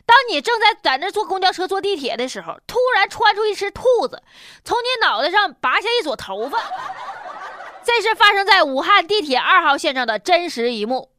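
A woman's voice: very high-pitched, sing-song, brisk, bright, forceful tone, no echo. A woman with a Northeastern Chinese accent hosting humorous news commentary in a blunt, mocking, colloquial way. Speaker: comedic news show host.

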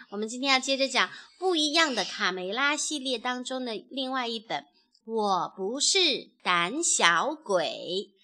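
Bright, animated mom telling a kids' story. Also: female voice, on the high side, unhurried, a little hiss or hum. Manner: animated, expressive. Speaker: storyteller mother. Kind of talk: children's bedtime story narration.

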